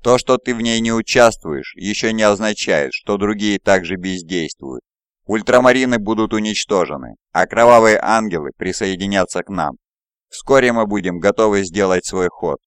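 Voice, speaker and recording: Cold commanding warlord, read by a man, deep and smooth audiobook voice. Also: expressive, moderate pace, dry recording, clean studio sound, lightly acted. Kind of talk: audiobook character voice.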